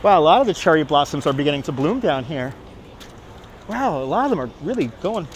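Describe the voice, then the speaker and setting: Hosting a casual walking live stream on busy Manhattan streets, a middle-aged man with a Brooklyn accent chats in a slightly high, sing-song, brisk voice. He reads and answers viewers aloud and repeats himself, while street noise and outdoor city ambience fill the background.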